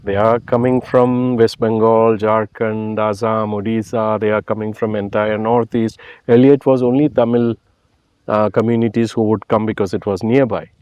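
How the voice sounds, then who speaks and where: A man's voice: on the low side, level tone, normal speed, darkish tone, clear, resonant tone, no room sound. A man from Kerala with a Malayali accent, speaking reflectively and explaining his views in a conversational interview. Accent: Malayali Indian. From Kerala, India. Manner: explanatory, often tags phrases with "you know". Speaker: interview guest.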